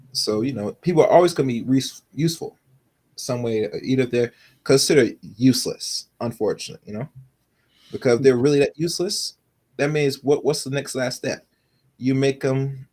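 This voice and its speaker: A man's voice: medium pitch, darkish tone. A man in casual chat, rambling with lots of fillers while making his argument.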